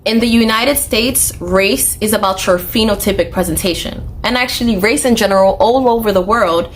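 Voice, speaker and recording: A woman's voice: medium pitch, moderate pace, slight background noise. Sarcastic, articulate woman commentator. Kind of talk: critical commentary.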